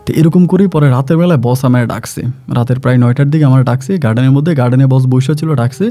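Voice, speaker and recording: A man's voice: medium pitch, quick pace, warm tone. A man telling a story from his own life as a worker, in a rambling way that often repeats itself. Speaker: migrant worker gardener. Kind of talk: casual first-person storytelling.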